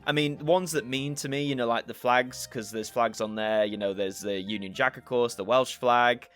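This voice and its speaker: This young YouTube host from Yorkshire, England, answers viewer questions in a casual Q&A, thinking aloud along the way. His accent is mixed northern English, largely Yorkshire. He speaks at a moderate pace in a mid-range, fairly bright voice, with soft background music.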